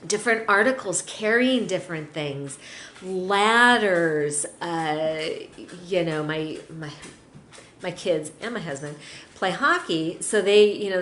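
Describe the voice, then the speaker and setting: A woman's voice: on the low side, fairly bright tone. A middle-aged woman teaching dog owners in a chatty, upbeat way, now and then acting out her pets' reactions. Her voice carries a roomy echo with a faint hiss behind it. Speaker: dog trainer. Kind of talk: instructional talk to dog owners.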